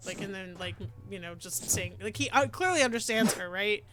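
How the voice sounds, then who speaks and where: A woman's voice: medium pitch, animated, moderate pace. A woman streamer chatting casually while playing, full of "like" fillers and self-mocking asides. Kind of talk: casual gameplay chat. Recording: game music loud behind voice.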